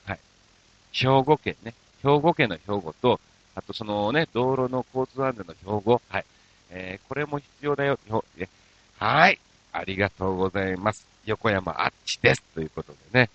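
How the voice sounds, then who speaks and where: On a casual radio program, a male host goes through listener mail with comic, self-deprecating banter, switching between Kansai dialect and standard Tokyo Japanese. His lowish voice is a bit bright and moves at a normal speed; the audio has no echo and its highs are cut off.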